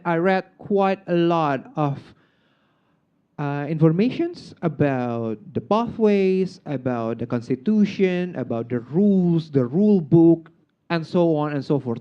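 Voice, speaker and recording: On stage at a club meeting, this chatty Indonesian president delivers an informal speech in a lively, high voice. He pokes fun at himself and fills his talk with "like," and the lo-fi recording comes across dull and muffled.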